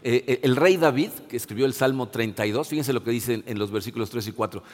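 A man's voice: mid-range voice, quick pace. A middle-aged male pastor, giving an earnest, conversational sermon full of restarts and repeated words. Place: church. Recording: long hall reverb.

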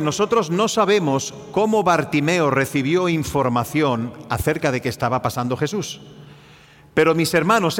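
A man's voice: a little high, big-room sound. A man preaching a sermon to his congregation, acting out the cries of the people in the story. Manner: animated, acts out the cries of the story.

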